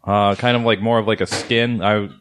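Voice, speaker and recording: A man's voice: fairly low pitch, flat delivery, moderate pace, fairly bright tone, a little hiss or hum. A man hosting a casual snack review, rambling and laughing between swears. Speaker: host.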